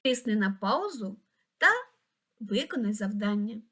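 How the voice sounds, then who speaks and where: A woman reading a scripted lesson for young children, pronouncing each word slowly and clearly. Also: medium pitch, lively intonation, bright, forceful tone. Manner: slow, clear, pronouncing words syllable by syllable. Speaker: teacher.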